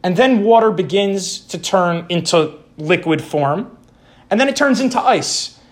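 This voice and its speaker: A man with a notably high voice leads an informal spiritual lesson for a small group. He talks in a reflective, unhurried way, pausing to recite Hebrew quotations before explaining them. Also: animated. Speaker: teacher leading a Torah study group.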